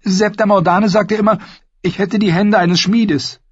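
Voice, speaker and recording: A man voicing a defiant, scruffy young girl in an audiobook, in a high, insistent voice. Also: steady tone, unhurried, slightly rough, dry recording, highs cut off.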